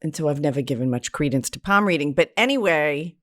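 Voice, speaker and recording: Brisk and lively in intonation, her low-sitting voice carries a solo podcast with conversational, self-deprecating candor and casual wording. She's an American from New England, a therapist and spiritual teacher.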